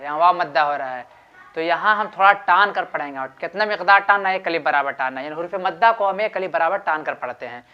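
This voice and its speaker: A man teaching Quran recitation, explaining step by step, repeating each rule and drawing out example syllables. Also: high-pitched. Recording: slightly muffled lo-fi recording.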